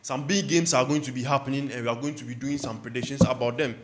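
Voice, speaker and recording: A man's voice: mid-range voice, steady tone, fast talker, slight background noise. A man hosting a casual football preview panel, chatty and introducing the panelists. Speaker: host.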